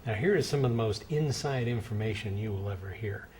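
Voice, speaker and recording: A man's voice: lowish voice, fairly quick, a little mellow, soft background music. A middle-aged man delivering conversational card magician patter with a playful showman's touch, demonstrating to spectators. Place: indoor studio set at a card table.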